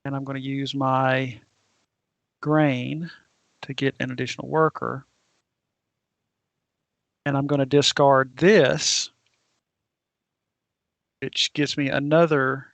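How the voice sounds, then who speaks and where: A man's voice: mid-range voice, level tone, slow pace, gravelly, long pauses, no echo, dull audio. A man playing a board game with friends, asking about the rules and laughing along. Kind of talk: casual game-night chat.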